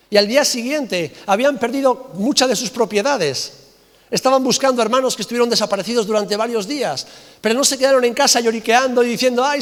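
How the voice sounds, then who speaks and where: A man preaching a sermon with passion, repeating phrases and dropping to soft emphasis. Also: high-pitched, big-room sound. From Spain. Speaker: pastor.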